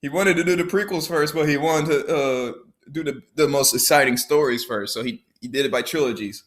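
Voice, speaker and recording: A man's voice: a little high, a little fast, fairly bright tone. A young man chatting casually on a podcast, swearing freely and acting out quotes with lots of laughter. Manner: profane, laughs a lot, acts out quotes. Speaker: podcast host. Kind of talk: casual chat.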